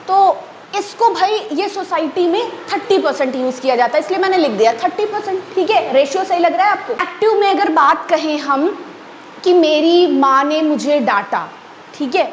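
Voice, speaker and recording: A woman teaching English grammar in a lively way, often checking that her students follow. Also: very high-pitched. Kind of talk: explaining a grammar lesson. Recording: echoey room, faint ambient noise.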